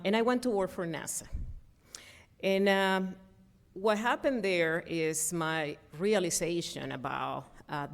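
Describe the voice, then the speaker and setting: Conference speaker: low-pitched, middle-aged woman, earnest and hesitant with many fillers. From Venezuela. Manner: earnest, frequent ums and uhs, restarts. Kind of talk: prepared conference talk.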